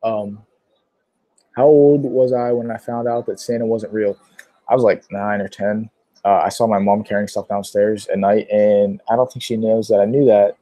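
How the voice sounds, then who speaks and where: A man's voice: lowish voice, little pitch movement, moderate pace, mellow, dry recording. A young man from Pennsylvania chatting casually on a livestream, answering viewer questions with lots of fillers and a sore throat. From Pittsburgh, Pennsylvania. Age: young adult. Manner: rambling, many fillers.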